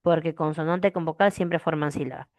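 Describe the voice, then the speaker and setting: A teacher whose voice sits low and a little mellow talks slightly fast in a steady tone, explaining grammar, repeating the main phrases and checking comprehension with frequent "¿de acuerdo?". This language lesson has studio-quality sound and no room noise.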